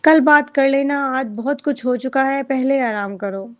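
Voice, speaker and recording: A gentle, anxious mother from a storybook, soft and pleading, read by a woman. The voice is high and stays close to the reader's own. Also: natural voice.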